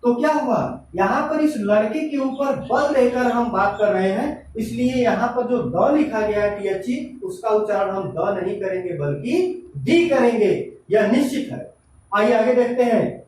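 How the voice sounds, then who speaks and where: A man's voice: very high-pitched, a little slow, darkish tone. A man teaching an English grammar lesson, explaining step by step and asking himself questions, then answering them. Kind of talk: classroom-style grammar lesson. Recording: echoey room, voice from a distance, faint noise.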